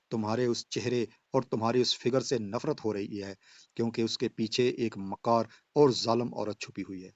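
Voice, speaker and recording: A man's voice: fairly low pitch, darkish tone, dry recording, lightly acted. A man voicing a betrayed husband who speaks in stern, accusing declamation. He reads the husband in a dull, dry lo-fi recording. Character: betrayed husband, bitter and unforgiving.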